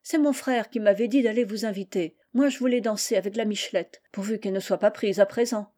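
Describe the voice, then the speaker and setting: A woman's voice: mid-range voice, fairly quick, warm tone, lightly acted. Woman voicing a polite peasant boy. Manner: simple, polite country speech.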